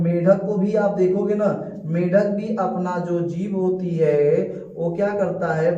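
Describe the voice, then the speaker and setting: The lecturer is a man whose high voice has a darkish tone; he asks rhetorical questions, repeats key words and draws responses from his class. It's recorded in echoey, distant, muffled lo-fi quality.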